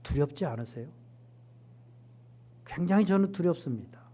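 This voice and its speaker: Korean pastor preaching, lively and emphatic. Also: male voice, fairly high pitch, moderate pace, slight background noise. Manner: animated, acts out quoted lines with rising emphasis. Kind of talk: sermon.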